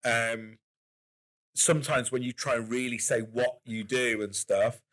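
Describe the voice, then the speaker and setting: A man's voice: mid-range voice, steady tone, unhurried, fairly bright tone. A man co-hosting a podcast in casual chat, musing aloud with a lot of hedging and wry humor. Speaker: podcast co-host.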